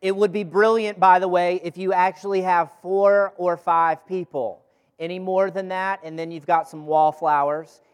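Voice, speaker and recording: This man's voice is high-pitched and smooth, with a flat delivery and moderate pace. He leads a Bible study for a group gathered in a room, reading scripture and teaching conversationally with rhetorical questions and phrases repeated for emphasis.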